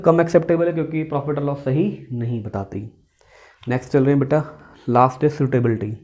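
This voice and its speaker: With a mellow, mid-range voice, this man teaches accountancy as a classroom lecture. He explains through questions and by repeating key points, calls the students "beta," and combines Hindi with English terms.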